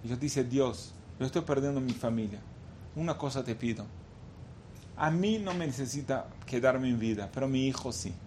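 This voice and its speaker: A man's voice: medium pitch, normal speed, darkish tone, a little hiss or hum, pitched below the performer's own voice, close to an everyday voice. A man voicing a grieving older male survivor who recounts his loss in a heavy, sorrowful way. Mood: somber.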